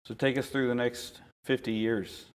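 A man's voice: medium pitch, little pitch movement, normal speed, smooth. A man casually interviewing family, tentatively rephrasing his questions as he goes. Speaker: interviewer, son of the couple.

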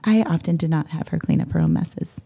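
A woman in her forties with a raspy voice, co-hosting a casual chat and laughing easily as she talks. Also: low voice, a little fast, warm tone. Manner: chatty, laughs often, self-deprecating. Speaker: podcast co-host.

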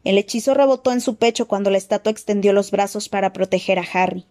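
Brief: woman audiobook narrator, expressive dramatic reading. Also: medium pitch, fast. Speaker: audiobook reader.

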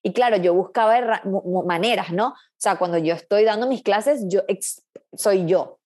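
A woman's voice: medium pitch, normal speed, a little mellow. A woman coach, a guest in a casual interview, talking in an earnest, reflective way with frequent restarts.

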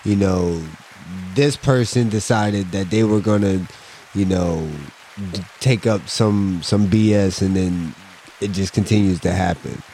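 A man's voice: sits low, steady tone, a little slow, dark tone, slight background noise. A man co-hosting a casual podcast, telling family stories and ranting playfully with frequent swearing. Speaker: podcast co-host. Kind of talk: casual chat.

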